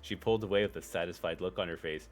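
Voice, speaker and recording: A man's voice: low-pitched, steady tone, fast talker. A man streaming himself reading fan fiction aloud, often breaking off for joking, mocking asides.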